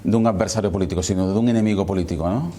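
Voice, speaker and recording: Male broadcast interviewer, quick pace, very mellow tone, formal and probing. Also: deep voice. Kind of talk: broadcast political interview questioning.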